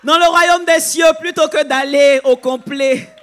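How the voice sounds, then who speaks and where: A man acting as a pastor, declaiming scripture and shouting praise responses. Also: very high-pitched, fairly even intonation, unhurried. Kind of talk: preaching responses.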